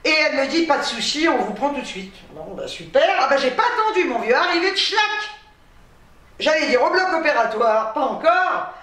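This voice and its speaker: A woman's voice: sits high, big pitch swings, brisk, a bit bright, distant mic. A tired woman telling a story to camera in a chatty, exasperated way, with laughing asides. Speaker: vlogger. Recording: very echoey room, off-mic.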